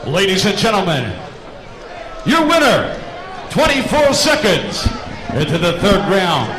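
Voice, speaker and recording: A man working as ring announcer, calling out to the crowd with booming, drawn-out announcements. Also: huge pitch swings. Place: indoor fight arena. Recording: echoey arena with loud crowd. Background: cheering crowd.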